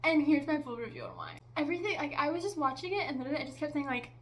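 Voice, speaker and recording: A woman's voice: high voice, very animated, racing. A young woman vlogger giving a casual, exasperated movie review, chatty and full of "like" and "okay?".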